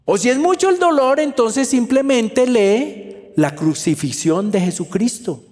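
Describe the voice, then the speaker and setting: A man's voice: very high-pitched, lively intonation, unhurried, darkish tone, big-room sound. A male pastor delivering a sermon with emphatic preaching that repeats key phrases for effect.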